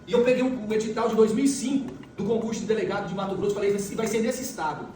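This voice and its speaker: A warm-toned, fast-talking middle-aged man whose voice sits high gives a motivational talk, telling stories emphatically and repeating phrases for force. The recording comes from a far-away mic in a large echoey hall, with faint noise.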